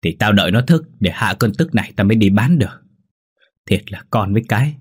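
Một người đàn ông giọng khàn, giọng miền Nam, lồng tiếng một bà mẹ già khổ cực đang giận dữ quát mắng. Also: male voice, expressive, a little fast, husky, no room sound, clean studio sound. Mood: scolding. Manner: scolding, shrill outbursts. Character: angry worn-out old mother, shrill and wailing.

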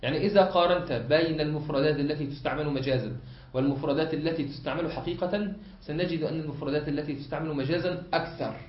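A man with an Egyptian accent, teaching a lesson as a sheikh, often pausing to have students fill in the word and repeating points. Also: fairly high pitch, steady tone, a little hiss or hum. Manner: asks the class to fill in words, repeats points. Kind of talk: classroom lesson. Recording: echoey hall, muffled lo-fi.

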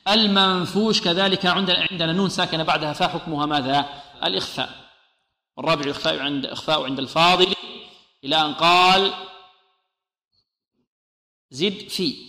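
A man teaching a Quran recitation lesson, who patiently sounds out letters slowly and often praises and blesses his students. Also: high-pitched, pushed and bright. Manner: patient, demonstrates sounds slowly and repeats them. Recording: echoey hall reverb.

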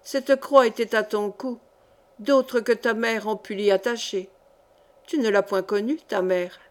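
A woman's voice: mid-range voice, fairly even intonation, unhurried, close to an everyday voice. A woman reading aloud as an old female miller who tells fortunes, commanding and solemn. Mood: brusque.

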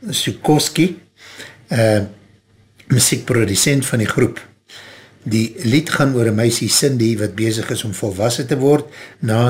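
A South African man presenting a radio music show, relaxed and rambling, with many hesitations. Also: mid-range voice. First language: Afrikaans.

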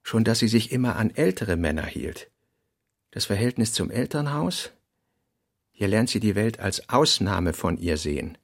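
This fairly low, gravelly male voice has a sing-song lilt as it reads literary notes and prose for a radio play. He delivers them in deliberate, clipped phrases broken up by pauses.

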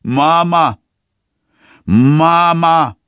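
Audiobook: man doing a desperate young woman, raised high, shouting and tearful. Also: extremely slow, smooth, no echo, heavily acted. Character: desperate young woman calling for her mother. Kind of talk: audiobook character voice.

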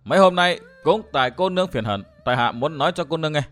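A man reading a story aloud and voicing a calm, good-humoured young swordsman who teases gently and chuckles. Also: on the high side, fast, soft background music. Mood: gentle teasing.

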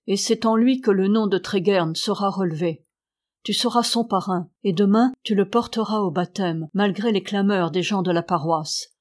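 A woman's voice: mid-range voice, lightly acted. Woman reading as a commanding young ghost. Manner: brief, imperious, calm. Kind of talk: audiobook reading.

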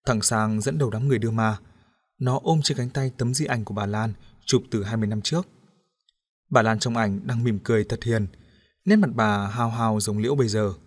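A man narrating an audiobook story in a steady, even storytelling manner. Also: fairly low pitch, a little fast.

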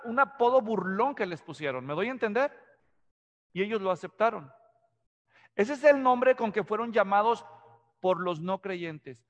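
A man's voice: high-pitched, fairly bright tone, in a large hall. A man from Mexico preaching an expository sermon, often asking the congregation questions. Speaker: pastor.

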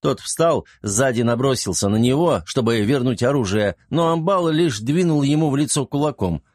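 A man narrating a fantasy audiobook in a brisk, vivid storytelling manner. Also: mid-range voice, lively intonation, darkish tone, dry recording, studio quality.

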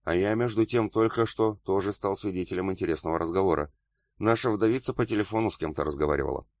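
A curious, thoughtful man speaks wryly, read by a man. The voice is deep and the sound dry and close. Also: quick pace, darkish tone, dry recording. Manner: thoughtful, wry.

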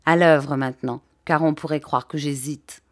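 A woman's voice: low-pitched, fairly even intonation, no echo, clean studio sound, voice pushed down. A woman voicing a composed English scientist. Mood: grave. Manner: measured, formal speech. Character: composed English male scientist, grave and formal.

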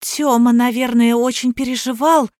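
A woman's voice: a little high, steady tone, normal speed, darkish tone, no room sound, studio quality, voice pushed up, close to an everyday voice. A woman reader voicing a wheedling young wife who slips into coy baby talk in an audiobook. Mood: startled. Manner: lisping baby talk, coaxing. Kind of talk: audiobook character voice.

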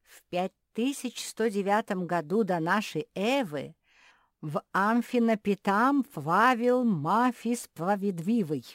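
A woman voicing an absent-minded old male bulldog professor who swaps r and l for v, speaking slowly and loudly. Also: mid-range voice, lively intonation, no echo, studio quality, voice pushed up. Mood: lecturing. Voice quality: says "v" for r and l. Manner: slow, drawn-out, lecturing.

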